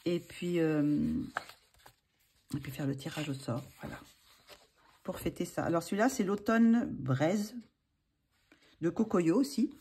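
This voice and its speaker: Low, mellow-voiced woman chatting hesitantly. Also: measured pace, long pauses, slight background noise. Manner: hesitant, many fillers and restarts. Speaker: channel host showing books for a giveaway. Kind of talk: casual chat.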